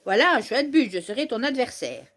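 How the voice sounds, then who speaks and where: A woman reading the lines of a calm, wise older male mountaineer trainer from a manga, in a measured mentor tone. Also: on the high side. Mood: friendly.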